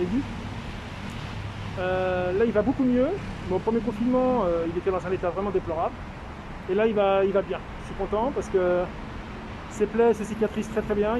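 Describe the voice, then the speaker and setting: A man speaking through a face mask, slightly muffled, giving an informal, halting video update with drawn-out hesitations. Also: sits high. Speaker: street medic caring for a homeless man. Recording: noisy outdoor street with traffic.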